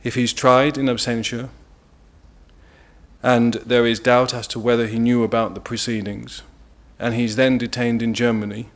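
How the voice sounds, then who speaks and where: Measured and deliberate, a British international lawyer presents a formal legal case at a press briefing. His mid-range voice shows little pitch movement, and he leans on key words.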